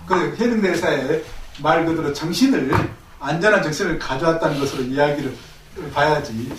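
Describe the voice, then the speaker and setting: A man with a slightly high voice lectures to a class, often pausing to throw rhetorical questions at his listeners. He sounds set back from the mic in an echoey room, with faint room noise underneath. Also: animated, recorded from a distance. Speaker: Buddhist college lecturer.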